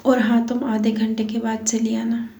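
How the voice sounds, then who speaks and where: Woman reading a mean mocking husband, soft fake-sweet, flat voice, echoey room. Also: on the high side, normal speed, close to an everyday voice. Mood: taunting. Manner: taunting, mock-tender. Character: cruel taunting young husband, mocking and cold.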